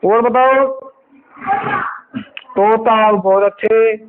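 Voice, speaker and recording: A male primary school teacher gives a Hindi lesson in a classroom. He speaks patiently and coaxingly, repeating words and sounding them out slowly for the children. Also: high voice, steady tone. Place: village government school classroom. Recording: tinny phone-like sound with faint noise.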